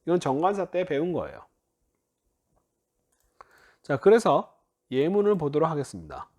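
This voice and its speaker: Lively high-voiced male lecturer. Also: normal speed, lo-fi sound. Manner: explanatory, uses many "자" prompts, self-corrects and laughs lightly. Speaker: Biblical Hebrew grammar teacher. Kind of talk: recorded classroom-style lecture.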